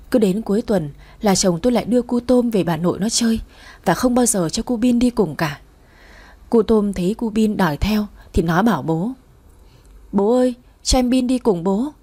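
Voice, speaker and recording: A woman narrating a first-person family story in a soft, sorrowful way. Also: medium pitch, husky.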